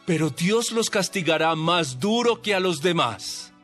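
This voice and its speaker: The audio Bible drama features a man as an authoritative teacher delivering a warning to his followers, with faint music in the background. Slightly high and fairly bright, his voice is emphatic, didactic and expressive, and he speaks unhurriedly.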